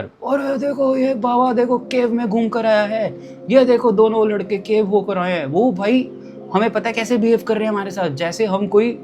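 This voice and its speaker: A young man telling a travel story casually and lively, acting out the people he met. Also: high voice.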